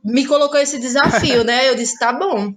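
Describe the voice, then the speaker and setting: With a high voice at a normal pace, this Brazilian woman from Ceará is being interviewed about her work as a playwright and actress. She tells it as a reflective, conversational personal account.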